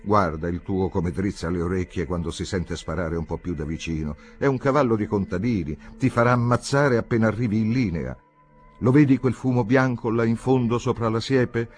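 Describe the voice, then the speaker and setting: A man's voice: fairly low pitch, normal speed, faint music behind, natural voice. A man reading aloud voices a bossy, motherly army canteen woman who chides and gives orders in a commanding, street-wise way. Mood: chiding.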